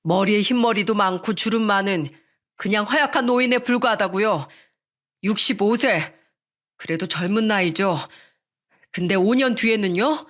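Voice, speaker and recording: A woman voicing a grown son who calmly and firmly reproaches his father in a narrated radio story. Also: a little high, natural voice. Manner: firm, reproachful, measured.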